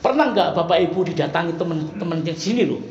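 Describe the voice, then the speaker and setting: A man with a light, high voice preaches in an East Javanese accent, chatty and folksy, jumping from loud exclamations to soft asides. His voice rings around an echoey church hall. A faint hum of background noise sits underneath. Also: lively intonation, fast, highs cut off. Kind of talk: Sunday sermon.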